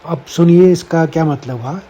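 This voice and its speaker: A man's voice: a little high, moderate pace, mellow. A man teaching a scripture lesson, explaining word meanings and carefully sounding out each Sanskrit syllable for his listeners. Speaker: Gita teacher.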